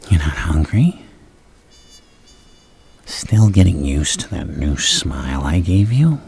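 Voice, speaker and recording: A man playing a deranged, lovestruck supervillain in an ASMR roleplay, gravelly and breathy, halting and theatrical, often sinking into a whisper. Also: very deep voice, a little mellow, heavily acted. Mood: playful menace. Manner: halting, theatrical, menacingly courteous. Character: the Joker, deranged lovestruck male supervillain on a date.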